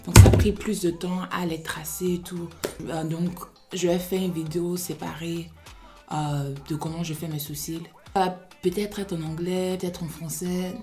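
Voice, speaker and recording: A woman's voice: fairly low pitch, dark tone. A young woman with a Beninese French accent, from Benin and raised in the United States, chatting through a casual makeup tutorial and slipping English phrases into her French. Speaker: beauty vlogger.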